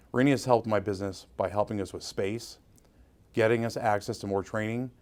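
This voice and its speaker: Man presenting an award, somewhat low voice, earnest prepared tribute. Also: darkish tone. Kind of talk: reading a tribute speech.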